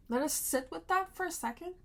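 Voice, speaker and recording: A woman's voice: very high voice, a bit bright. A woman vlogger telling a storytime, venting in a frustrated, emotional way and swearing often.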